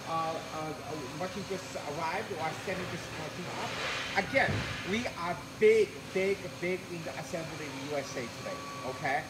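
A middle-aged man, giving a live walkthrough of a warehouse, halting with many fillers and repeated words. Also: on the high side. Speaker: company executive giving a tour. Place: large warehouse, indoors. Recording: noisy warehouse ambience.

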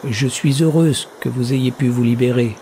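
A calm, mysterious young woman speaking from a screen, read by a male narrator in an audiobook. Every word comes out distinct and courteous. The tone is mellow. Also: mid-range voice, normal speed, a little hiss or hum, natural voice.

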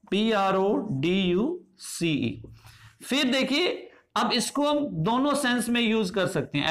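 A man with an Indian accent teaching English phonetics. He goes slowly and deliberately, asking questions and answering them himself. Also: sits high, fairly bright tone. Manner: slow, deliberate, asks and answers his own questions. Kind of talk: classroom-style lesson explanation.

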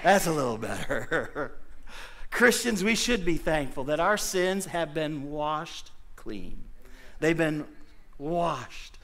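A middle-aged man preaching a sermon from a church pulpit into a handheld mic, animated and calling out to the congregation with sudden loud bursts. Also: a little high. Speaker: pastor. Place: church sanctuary.

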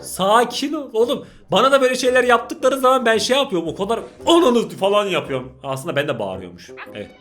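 Excitable high-voiced young man reacting. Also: fast, few pauses, slight background noise. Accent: Turkish. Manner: excitable, exclaiming, laughing and shouting at the clips. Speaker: YouTuber reacting to prank videos. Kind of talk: casual reaction commentary.

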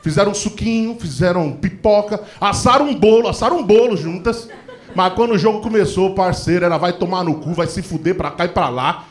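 A middle-aged man doing a stand-up comedy routine, telling animated stories full of acted-out quotes. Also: sits high, a little fast. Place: comedy stage before a live audience. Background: audience laughter.

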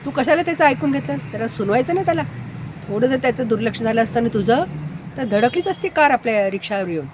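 A man's voice: very high-pitched, animated, fast talker, noisy background. A woman voicing an indignant man in his sixties who scolds in a raised, agitated voice.

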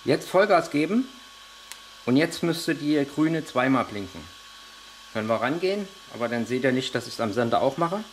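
A man's voice: mid-range voice, lively intonation, moderate pace, rough recording. Guy at a workbench walking through setup step by step, lots of little ums, average voice, bit of background noise. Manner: step-by-step explaining while handling parts, with frequent hesitations. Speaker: RC model reviewer. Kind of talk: hands-on tutorial.

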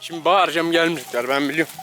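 A man's voice: fairly high pitch, rapid-fire, sharp tone. A man vlogging as he herds his animals, coaxing and scolding them with repeated calls and joking asides to viewers. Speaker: vlogger herding livestock. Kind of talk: casual running commentary to camera. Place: outdoors on a pasture with animals. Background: background music and farm animals.

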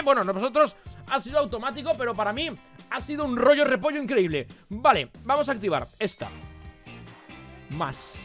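High-pitched, excitable Spanish gamer man. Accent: Spain Spanish. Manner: addresses viewers as "chavales", shouts at big rolls. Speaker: gaming youtuber. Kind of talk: excited gameplay commentary.

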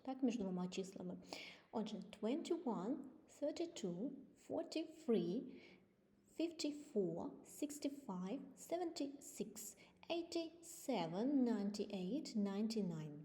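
Woman, teacher, patient, clear drills, mellow tone. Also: fairly high pitch, very animated. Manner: patient, clear, slow model pronunciation of English words. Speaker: English teacher. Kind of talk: online language lesson. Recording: long reverb.

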